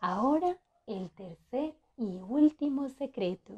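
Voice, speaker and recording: A woman's voice: sits high, takes it slowly, slightly rough, dull audio, heavily acted. A woman voicing a clever, kindly old grandfather toad in a children's story. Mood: sly. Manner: calm, sly and kindly.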